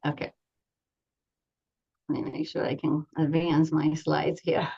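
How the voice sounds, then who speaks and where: A woman from Argentina, a family doctor and professor, giving an earnest, halting talk from home over a video call, with many fillers and restarts. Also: sits low, flat delivery, gravelly, warm tone, slightly rough, dull audio. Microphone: computer mic on a video call.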